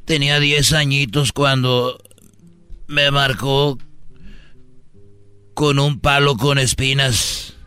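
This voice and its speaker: Slow-drawling comedy host. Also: male voice, medium pitch, steady tone, sharp tone, clean tone, no room sound, soft background music. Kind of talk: comic storytelling on a radio show.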